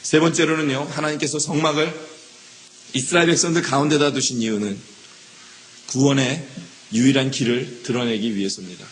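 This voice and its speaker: A male pastor preaching from the pulpit at a middle pitch. He keeps repeating key words and checks in with his listeners. He slips into little acted voices for the excuses he quotes, over a faint hum of room noise. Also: fairly even intonation, brisk. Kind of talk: sermon. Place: church sanctuary.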